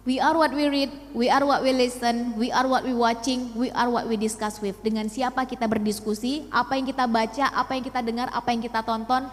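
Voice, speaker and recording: A young woman giving a motivational talk to a youth audience, asking rhetorical questions and mixing in English phrases. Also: a little high. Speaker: speaker at a youth talk show. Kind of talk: motivational public speech. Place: hall with live audience. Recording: long hall reverb.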